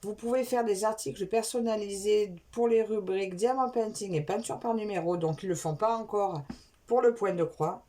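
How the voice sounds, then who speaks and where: A woman's voice: mid-range voice, dark tone. Chatty woman unboxing craft supplies. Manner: chatty, self-correcting, wanders between topics. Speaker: craft vlogger. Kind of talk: casual unboxing chat.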